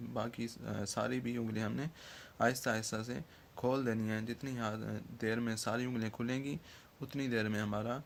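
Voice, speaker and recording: A man's voice: medium pitch, vocal fry, slight background noise. A man teaching Quran letter pronunciation in an online lesson, patiently checking in after each point and drawing out the letter sounds.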